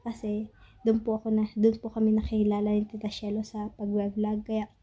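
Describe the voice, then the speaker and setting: A young Filipina woman telling a family story in a casual vlog, halting and searching for words, fighting tears at times. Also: mid-range voice, monotone, dull audio. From Philippines. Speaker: family vlogger. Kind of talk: emotional story-time monologue. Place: home in Pakistan.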